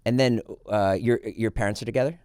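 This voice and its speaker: A man hosting a podcast, asking short, quick follow-up questions in a relaxed chat. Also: fairly low pitch, smooth, dry recording, studio quality. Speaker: podcast host. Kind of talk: casual interview chat. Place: podcast studio.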